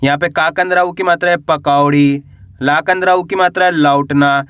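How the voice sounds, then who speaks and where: A man teaching children to read words in an online lesson. He spells slowly syllable by syllable, asks a question, and answers it himself on a low word. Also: fairly even intonation, a bit bright, clear, resonant tone, no room sound, studio quality. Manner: slow, drawn-out syllable spelling. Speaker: Hindi reading teacher.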